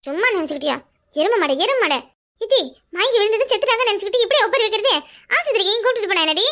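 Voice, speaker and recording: A woman's voice: extremely high pitch, expressive. A woman with a Kanyakumari Tamil accent voicing a bossy, nosy village neighbor woman who scolds in a cartoon. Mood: scolding. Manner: sharp, scolding, rapid questions. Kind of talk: cartoon voice acting.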